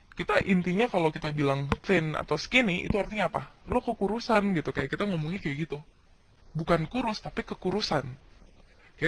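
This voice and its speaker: A man's voice: high-pitched, fairly bright tone, a little hiss or hum. A man from Indonesia teaching English vocabulary in a casual video lesson, chatty and slangy, asking questions and answering them himself.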